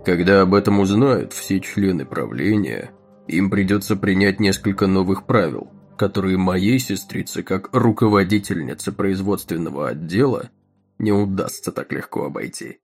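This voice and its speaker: An actor playing a smug, scheming male railroad executive who speaks in a crisp, monotone, self-assured way. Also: low voice, normal speed, faint music behind, heavily acted.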